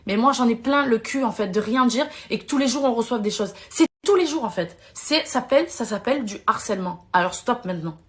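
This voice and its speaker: A young woman speaks with a high, bright pitch in a heated, indignant rant aimed straight at her followers. She repeats herself as she presses each point. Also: lively intonation, a little fast, few pauses. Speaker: social media personality.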